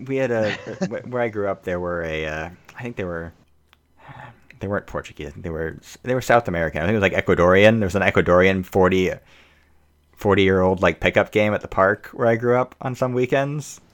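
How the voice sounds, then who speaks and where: A man with a notably low voice co-hosts a casual football podcast. He talks through tactics in a measured, analytical way, weighing each point before moving on. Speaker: podcast co-host.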